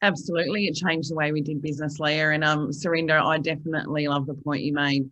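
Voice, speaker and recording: A woman's voice: low-pitched, fairly even intonation, fast, fairly bright tone, rough recording. An Australian businesswoman speaking on a conference panel. She talks with enthusiasm, filling her sentences with ums and you-knows. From Queensland. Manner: enthusiastic, many fillers. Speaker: panelist, finance platform representative. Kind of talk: panel answer.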